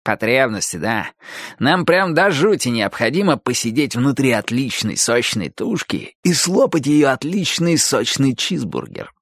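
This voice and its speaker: An eager, greedy ghost kid nicknamed the hamster, quick to agree and fond of repeating himself, speaking with a lively lilt, as a male narrator puts him on. The audiobook is recorded close and dry. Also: mid-range voice, no echo, exaggerated voice.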